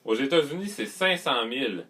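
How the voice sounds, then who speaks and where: A Quebec French-accented man co-hosting a podcast, chatty and full of wisecracks. His voice sits at an ordinary male pitch but moves expressively up and down. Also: expressive, normal speed, sharp tone. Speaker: podcast co-host. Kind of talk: casual podcast banter.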